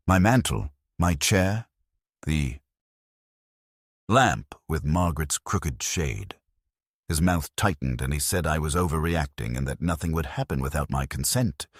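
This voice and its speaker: A very deep, husky older man tells a first-person story in long, measured sentences. His voice moves with a lively rise and fall, and it is recorded close and dry with no room sound. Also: no room sound. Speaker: narrator.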